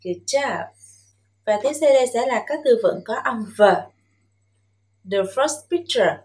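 A woman from Vietnam teaching English to young children, modelling words slowly and emphatically for them to repeat and coaxing them with gentle questions. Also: fairly high pitch. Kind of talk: bilingual classroom lesson with listen-and-repeat drills.

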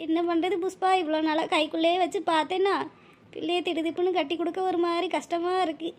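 A woman's voice: extremely high pitch, level tone, fast talker. A woman voicing an anxious, tearful elderly mother in a cartoon, speaking with a pleading, emotional manner. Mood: sad. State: crying. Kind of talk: cartoon voice acting.

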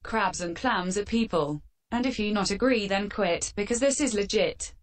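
A woman hosting a fan Q&A with sarcastic, deadpan answers, her voice run through a metallic filter. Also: mid-range voice, normal speed. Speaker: channel host answering fan questions. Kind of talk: scripted comedic Q&A.

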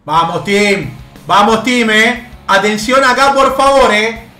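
A young man with an Argentine accent giving excitable gameplay commentary as a video game coach, cheering his players on with bursts of shouting. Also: high voice, takes it slowly. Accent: Argentine Spanish. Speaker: gaming YouTuber. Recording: roomy home setup with faint background music.

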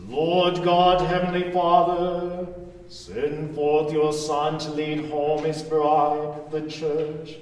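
A man leading a church service, reading prayers and scripture in a slow, measured, intoned way, heard with a long cathedral echo. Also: on the high side, little pitch movement, a little mellow. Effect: cathedral echo with long reverb. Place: large church. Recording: echoey large church hall.

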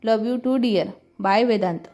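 An emotional, affectionate young woman from a family story, as a woman narrator reads her, fairly high in pitch. Quiet music runs under a slightly dull sound. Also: moderate pace, natural voice. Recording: slightly muffled with soft music.

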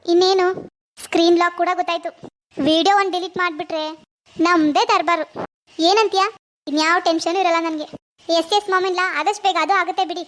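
A woman's voice: very high voice, fairly even intonation, brisk, pauses often, a bit bright, a little hiss or hum. A woman voicing a sly scheming young woman. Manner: sly, conspiratorial.

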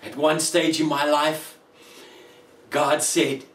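Male preacher, emotional testimony, long pauses, roomy echo. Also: a little high, little pitch movement, fairly bright tone, distant mic, a little hiss or hum. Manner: slow, emotional, dramatic pauses. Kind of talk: testimony sermon.

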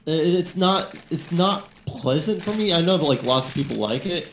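A man's voice: a little high, animated, moderate pace, a bit bright. A young man talking casually as a podcast guest, stammering with lots of fillers and giggling often. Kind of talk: casual chat. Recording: roomy mic with faint background noise.

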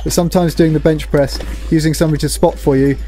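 A middle-aged man narrates an instructional exercise video, demonstrating gym moves and explaining them simply and practically. His slightly high voice is warm and steady, and he is a fast talker. Background music accompanies him.

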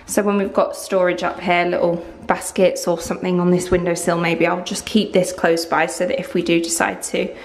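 A woman in her twenties giving a chatty, excitable house-tour vlog of her renovated bathroom, filmed on a handheld camera. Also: lowish voice, moderate pace, gravelly, hardly any pauses. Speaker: vlogger. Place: empty bathroom under renovation, indoors. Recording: echoey bare room.

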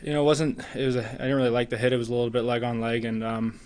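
After the game, a young hockey player in his twenties takes press questions in an arena press room, speaking earnestly into a table mic set in front of him and saying "you know" a lot. He talks rapid-fire in a level, medium-pitched voice with a darkish tone.

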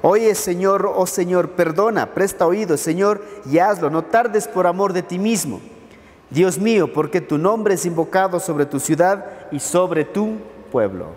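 A pastor with an Ecuadorian Spanish accent preaching a sermon, reading scripture and asking rhetorical questions. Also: male voice, sits high, unhurried, a little mellow, long reverb tail. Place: church.

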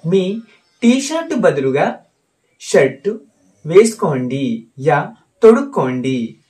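Lively, repetitive male language teacher. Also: fairly high pitch, recorded from a distance. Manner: repeats phrases and quizzes the listener; addresses viewers as friends. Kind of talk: spoken language lesson.

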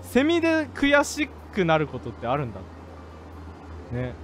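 A man streaming a game, commenting excitedly, jumping from low mutters to rough joking shouts at the characters. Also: measured pace, faint music behind. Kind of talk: gaming live-stream commentary.

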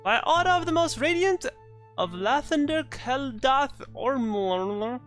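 A man putting on a high booming town crier. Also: animated, slow pace, fairly bright tone, faint music behind, full character voice. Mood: proclaiming. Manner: pompous proclamation.

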